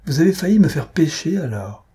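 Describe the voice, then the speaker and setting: A man's voice: fairly high pitch, big pitch swings, a little fast, dark tone, slightly rough, pitched above the performer's own voice, exaggerated voice. A man voicing a prim, devout young Englishwoman in a storybook reading, speaking earnestly. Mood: prim scolding.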